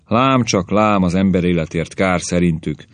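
A man's voice: low-pitched, dry recording, natural voice. A man voicing a grumbling old caveman grandfather who rants and complains about the young, in a story reading. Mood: ranting. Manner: querulous ranting.

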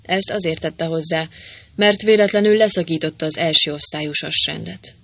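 A reader narrating a comic adventure novel aloud, with playful, lively voicing of the dialogue. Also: mid-range voice, vocal fry, no room sound. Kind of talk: audiobook narration with character voices.

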